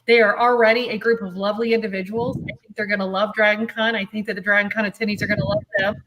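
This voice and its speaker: A woman's voice: medium pitch, flat delivery, quick pace, a bit bright. A woman who runs a convention, talking casually in an interview and laughing easily. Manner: chatty, laughs often. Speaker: convention director.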